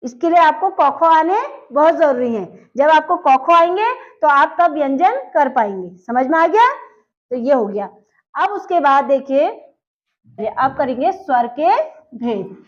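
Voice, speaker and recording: A woman's voice: high-pitched, lively intonation, measured pace. A woman teacher giving a grammar lesson, asking her class questions and answering them herself. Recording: dull lo-fi sound.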